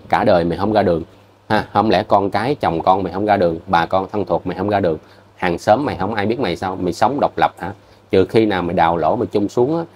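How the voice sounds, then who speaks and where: A man's voice: low voice, darkish tone. A man with a Southern Vietnamese accent, addressing his viewers in a heated commentary rant. He scolds bluntly and repeats himself. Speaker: vlogger.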